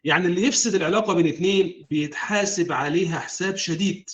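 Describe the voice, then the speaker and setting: An earnest Egyptian man delivers scripted religious advice, talking straight to his audience. His voice sits a bit high for a man. The recording sounds a touch dull and muffled. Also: fast talker. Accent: Egyptian Arabic. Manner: earnest, addresses the audience directly. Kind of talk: scripted preaching narration.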